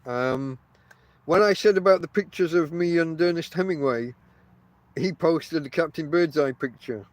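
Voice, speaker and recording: A man's voice: a little high, moderate pace, no echo. A middle-aged man with toothless, lips-over-teeth articulation, chatting casually and wryly on a podcast in a self-deprecating way. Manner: self-deprecating, wry banter. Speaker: podcast host. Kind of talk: casual rambling podcast talk.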